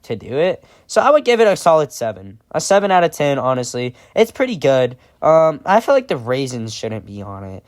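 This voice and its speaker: A young man hosting a casual vlog, rambling and chatty, laughing now and then. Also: mid-range voice. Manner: rambling and chatty, often laughing, many fillers. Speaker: vlog host. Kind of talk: casual storytime chat.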